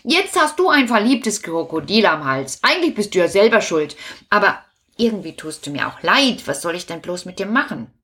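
A woman's voice: mid-range voice, very animated, normal speed, a bit bright. A woman voicing a cheerful male puppet jester in a children's puppet show, talking directly to the children. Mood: scolding. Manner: addressing the audience of children directly.

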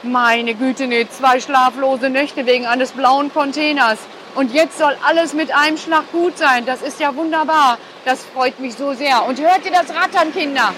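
A woman hosting a kindergarten podcast, excitedly narrating a delivery to children from a building entrance. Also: high-pitched, a little hiss or hum. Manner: excited, breathless reporting. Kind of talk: live commentary for children. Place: at a kindergarten entrance, partly outdoors by a truck.

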